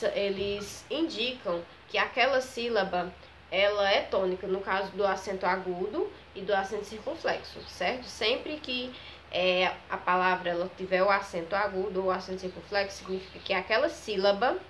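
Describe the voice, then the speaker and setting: A woman, teaching a children's grammar lesson. She talks slowly, stretches out each example word, and keeps checking in with the class. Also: mid-range voice, fairly bright tone, a little hiss or hum. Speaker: primary school teacher.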